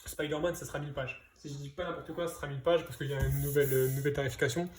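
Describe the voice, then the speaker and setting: A man's voice: on the high side, fairly even intonation, racing, a little mellow, a little hiss or hum. A man casually presenting his comic book purchases to viewers, hesitant, with lots of fillers and restarts. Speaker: comic book collector vlogger. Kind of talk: casual unboxing chat.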